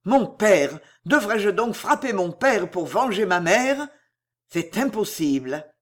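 Anguished young bullfighter guy, read by a woman, loud and emotional, lots of swing. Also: mid-range voice, lively intonation, takes it slowly. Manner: impassioned, loud outbursts. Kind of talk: audiobook reading.

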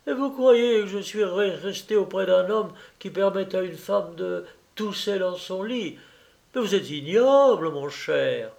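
A man's voice: high voice, measured pace, few pauses, a little mellow, pitched above the performer's own voice. A man voicing an indignant young wife who exclaims and repeats herself in outrage. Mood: outraged.

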